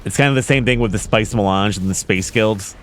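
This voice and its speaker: A man's voice: fairly low pitch, fairly quick, slight background noise. A man giving casual, rambling commentary on a game, informal and sweary like an enthusiastic fan. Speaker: video game reactor and commentator. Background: game music and artillery fire.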